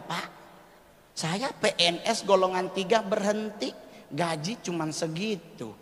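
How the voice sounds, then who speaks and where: Bright-voiced man telling stand-up in a hall. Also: slight background noise. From Indonesia. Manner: animated storyteller, often rising to high, loud exclamations. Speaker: stand-up comedian. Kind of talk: stand-up comedy set. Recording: reverberant hall, faint ambience.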